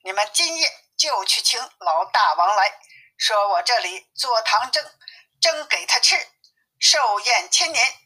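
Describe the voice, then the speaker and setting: A woman's voice: mid-range voice, expressive, unhurried, pushed and bright, low-quality recording. A woman voicing a boastful young male demon king who gloats and gives orders, in a storybook reading. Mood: commanding. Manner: gloating, commanding.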